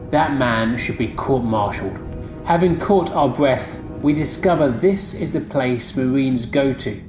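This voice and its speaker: A male vlog host narrating a wry travel voice-over. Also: medium pitch. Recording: roomy voice-over with music.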